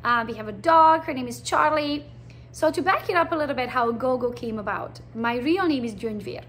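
Her voice high and her pace fairly quick, this Transylvanian-born Romanian woman in her forties uses a Hungarian accent as she bluntly recounts her realtor career for a recruiting presentation. The delivery is chatty and lively, with a little hiss or hum in the audio.

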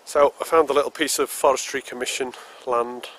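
A British man in his forties, an outdoor vlogger, casually walks through camp cooking step by step at a woodland picnic table, his mid-range voice steady, fairly quick, and a bit bright. A camera mic, first handheld and then on a tripod, captures him with clear background noise from the open woodland air.

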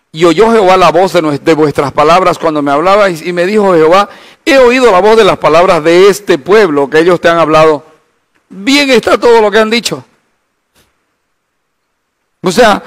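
A high-voiced man preaches a Bible study. He is animated and acts out the imagined voices of his listeners. His delivery is full of rhetorical questions. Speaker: pastor.

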